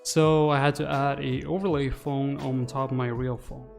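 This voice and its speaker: A man in his twenties casually hosts a livestream from a small room while he works, muttering his thoughts into a desk microphone held close to his mouth. His mid-range voice is level, creaky, and slightly mellow at normal speed, with faint music in the background.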